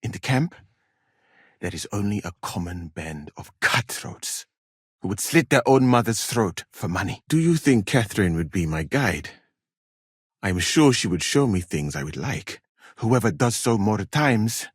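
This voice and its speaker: An actor playing a courteous, dryly witty medieval scholar and physician from Mali in a video game, speaking in formal, measured, precise words. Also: male voice, on the low side, sing-song, slightly rough, dry recording, clean studio sound, heavily acted. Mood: warm, hopeful. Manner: formal, measured, precise wording without contractions. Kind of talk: video game character dialogue.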